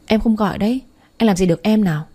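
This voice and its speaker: A woman's voice: mid-range voice, fast, mellow, close to an everyday voice. A woman voicing a feisty, hot-tempered teenage girl who teases and fights in a read-aloud story. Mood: teasing. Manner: teasing and fiery.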